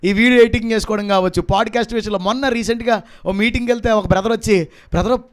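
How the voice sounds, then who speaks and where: High-voiced man preaching a sermon. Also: fairly even intonation, racing. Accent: Telugu. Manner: emphatic preaching with rhetorical questions. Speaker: pastor.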